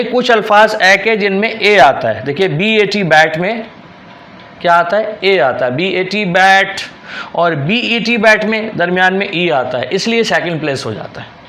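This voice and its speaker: Patient shorthand teacher with a Karachi accent. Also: male voice, sits high, fairly bright tone, slight background noise. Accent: Karachi Urdu. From Pakistan. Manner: explains patiently, repeats words and spells them out. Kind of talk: classroom-style lesson.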